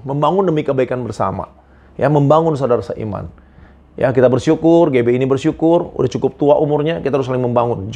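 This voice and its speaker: A male pastor preaching a sermon, telling personal stories with big swings between loud emphasis and quiet asides. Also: mid-range voice. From Indonesia.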